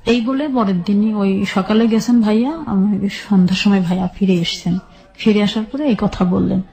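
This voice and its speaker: A guest with a Bangladeshi accent recounts her personal history in an interview, her tone steady and her voice dark, soft-edged, and of average female pitch. She moves through it step by step in halting detail, frequently repeating a phrase.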